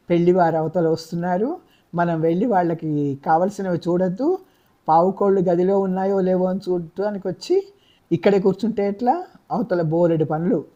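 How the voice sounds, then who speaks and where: A woman's voice: low-pitched, dark tone, slightly rough, muffled recording, full character voice. A woman reading a novel aloud, voicing a scheming stepmother who scolds curtly. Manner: scolding, curt. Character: scheming sharp-tongued stepmother.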